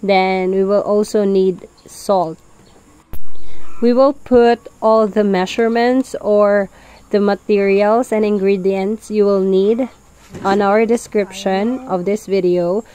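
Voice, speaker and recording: A woman calmly explaining, step by step, how she prepares a farm fertilizer mix, speaking outdoors on a farm. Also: medium pitch, takes it slowly, clear, resonant tone, low-quality recording. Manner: calm, explanatory, plain wording. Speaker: farm vlogger. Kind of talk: instructional farm narration.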